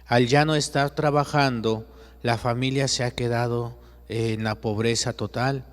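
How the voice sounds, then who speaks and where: Mexican priest telling a sermon story. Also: male voice, medium pitch, fairly even intonation, measured pace. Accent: Mexican Spanish. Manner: narrates and acts out characters' voices. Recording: long echoey reverb.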